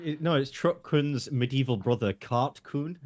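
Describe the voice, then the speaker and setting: A man's voice: mid-range voice, measured pace, darkish tone, no echo. A man in casual chat who cracks jokes and trades crude banter.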